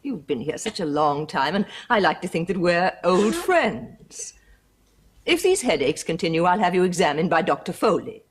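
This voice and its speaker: A firm, well-bred lady of the house in a period TV drama, with a husky voice that rises and falls with lively expression. She issues crisp upper-class commands and softens into gentle comfort. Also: on the low side, moderate pace. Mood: soothing. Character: aristocratic lady of the house, firm yet kindly. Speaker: mistress of the house. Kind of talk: 1970s period television drama.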